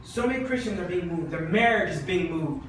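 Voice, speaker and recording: High-voiced man preaching in an echoing hall. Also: animated, fairly quick, slight background noise. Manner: impassioned, repetitive exhortation. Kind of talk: sermon. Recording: very echoey church hall from far off.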